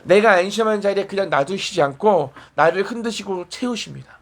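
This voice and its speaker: A man's voice: sits high, fairly quick. A man preaching a sermon in a small church, conversational and asking the congregation questions and answering back.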